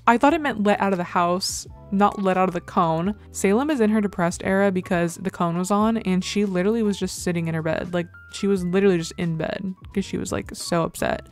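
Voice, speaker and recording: A young adult woman hosting casual game commentary, chatty and excitable, filling nearly every phrase with "like". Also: mid-range voice, vocal fry. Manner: chatty, says "like" constantly, excitable exclamations. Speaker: gameplay host.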